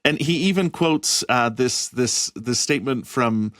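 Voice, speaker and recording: A man co-hosting a history podcast, explaining points in a measured, thoughtful way with occasional fillers. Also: medium pitch, a bit bright, no room sound, studio quality. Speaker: podcast co-host. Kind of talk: casual history podcast chat.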